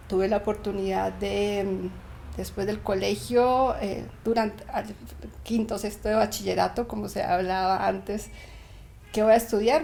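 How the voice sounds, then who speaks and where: A woman's voice: medium pitch, gravelly, a little hiss or hum. A woman with a Bogotá Colombian accent answering interview questions in a friendly, conversational way. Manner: warm, friendly, occasionally laughing. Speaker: interview guest.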